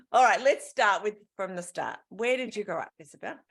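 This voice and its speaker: A woman's voice: a little high, gravelly, slightly rough. An Australian woman hosting a podcast interview, chatty and encouraging, laughing often. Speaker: podcast host. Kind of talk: casual interview chat.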